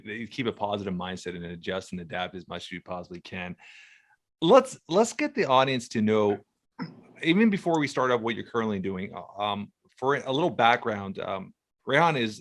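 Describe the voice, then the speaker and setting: 40s guy hosting a podcast, low voice, eager, stumbles and repeats a bit. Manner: eager questions, repeats words. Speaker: podcast host. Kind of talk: casual interview chat.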